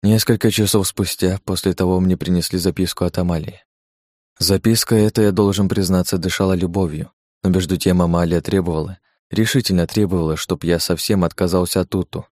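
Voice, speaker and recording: A man narrating an audiobook in a measured, old-fashioned storytelling manner. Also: deep voice, fairly even intonation, a little mellow, dry recording.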